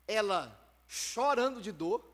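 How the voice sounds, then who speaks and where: A man's voice: high voice, big pitch swings, takes it slowly, fairly bright tone, in a large hall. A man with a Brazilian accent preaching a sermon in a church, emphatic and dramatic.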